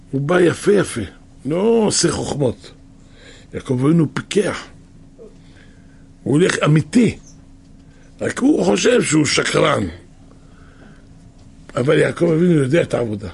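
Raspy, gravelly male storyteller. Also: fairly high pitch, expressive, darkish tone. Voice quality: raspy, husky. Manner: halting, conversational, many restarts. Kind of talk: folksy retelling of a scripture story.

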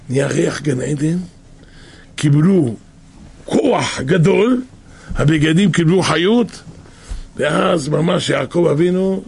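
Raspy, gravelly male storyteller. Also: fairly high pitch. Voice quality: raspy, husky. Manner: halting, conversational, many restarts. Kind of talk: folksy retelling of a scripture story.

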